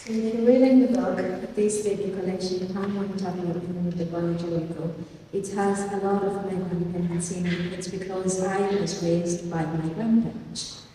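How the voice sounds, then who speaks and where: A woman in her thirties with a Congolese accent, a poet reading her work and talking about it, slow and measured with long pauses. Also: on the low side, fairly even intonation, mellow, a little hiss or hum. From Congo, raised in Ireland. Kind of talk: poetry reading and talk. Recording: echoey hall from far off.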